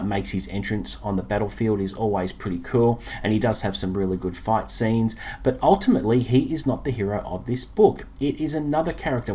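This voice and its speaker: A man giving a casual spoken book review, relaxed and chatty with many fillers and pauses. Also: fairly low pitch.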